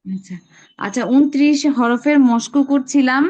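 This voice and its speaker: High-voiced woman teaching over a call. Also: normal speed, a little mellow. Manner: patient, explains step by step, draws out letter sounds. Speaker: Arabic pronunciation teacher. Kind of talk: online class lesson. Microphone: video call. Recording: lo-fi online call audio.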